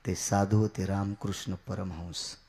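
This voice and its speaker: In this devotional kirtan sermon, a man alternates between shouting and murmuring, returning to key words to stress them. His delivery is flat and slightly slow, and the recording is very noisy.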